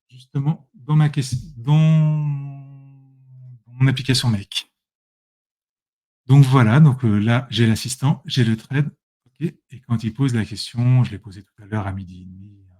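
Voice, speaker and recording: Here a man with a mid-range, somewhat dark voice runs an informal live software tutorial over screen share. He chats directly with his viewers on a computer microphone and tends to correct himself.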